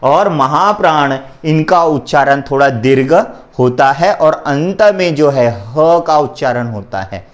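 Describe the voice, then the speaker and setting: A man's voice: on the high side, lively intonation, unhurried, hardly any pauses. A man teaching a Hindi grammar lesson to his students, spelling out letters one by one and having them repeat after him. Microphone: recording for an online lesson.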